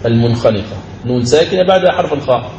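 A man teaching the rules of Quran recitation in a recorded lecture. He explains each rule step by step, repeats key phrases, and slows into a chanted recitation for each example verse. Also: mid-range voice, expressive, a little mellow, muffled recording. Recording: roomy recording with faint ambient noise.

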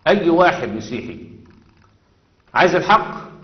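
A man's voice: a little high, sing-song, normal speed. A man with an Egyptian accent giving a religious lesson, stressing points and asking rhetorical questions. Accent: Egyptian Arabic. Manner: emphatic, asks rhetorical questions. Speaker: religious teacher. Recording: dull echoey hall recording.

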